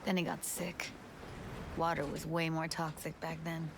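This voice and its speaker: Game role: guarded, tender young woman, weary, lower-pitched, with noticeable ambience behind. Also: level tone, a little slow, gravelly, background noise. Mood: soft, caring. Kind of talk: video game drama acting.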